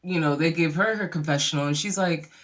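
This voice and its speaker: Bright, animated reality-TV recapper. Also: medium pitch, a little fast. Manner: animated storyteller who acts out quotes in voices; laughs easily while retelling. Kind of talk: casual episode recap.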